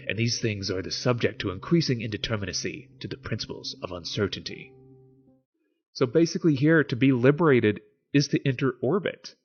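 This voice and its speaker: He has a mid-range voice with a breathy edge, captured in lo-fi sound. Hosting an informal video essay with music underneath, the man explains philosophy and reads it with emphatic, theatrical drama.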